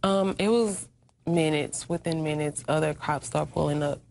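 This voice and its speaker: A woman with a low-pitched voice answers an interviewer as an eyewitness. She recounts things plainly and matter-of-factly, with some noise in the background. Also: normal speed, creaky, darkish tone.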